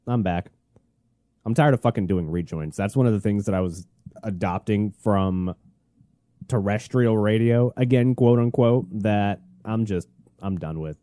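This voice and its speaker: A man's voice: lowish voice, moderate pace, dark tone, dry recording, studio quality. A man hosting a podcast like a shock jock, ranting bluntly and crudely with heavy swearing. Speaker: podcast host. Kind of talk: shock jock radio host monologue, profane ranting.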